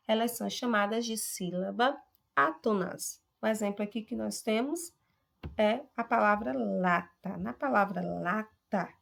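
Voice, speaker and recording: Creaky-voiced teacher woman. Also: mid-range voice. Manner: patient, draws out example words slowly. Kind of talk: classroom lesson on syllables.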